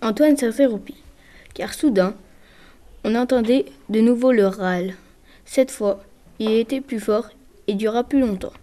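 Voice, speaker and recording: A woman reading a children's adventure novel aloud in a steady storybook narration. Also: on the high side, measured pace, pauses often. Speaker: reader. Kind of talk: scripted narration.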